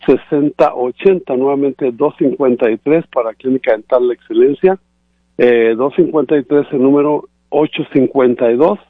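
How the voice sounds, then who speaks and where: A regular guest on a radio show phones in to present a sponsor, explaining dental care in a casual, repetitive, promotional chat. His mid-range voice moves at normal speed, and the tinny phone line has no echo.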